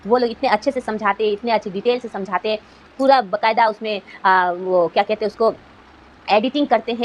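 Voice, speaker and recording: A woman's voice: fairly high pitch, a little hiss or hum, rough recording. Earnest Hindi-speaking woman YouTuber. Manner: earnest, rhetorical questions. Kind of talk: motivational vlog talk.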